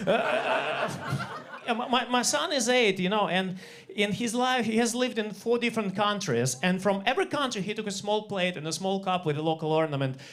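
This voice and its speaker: A high-voiced man in his forties with a Russian accent works a comedy club stage through a handheld mic. His deadpan delivery stumbles through fillers and restarts between punchlines, and English is not his first language. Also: normal speed. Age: 40s. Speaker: stand-up comedian. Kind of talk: stand-up comedy set.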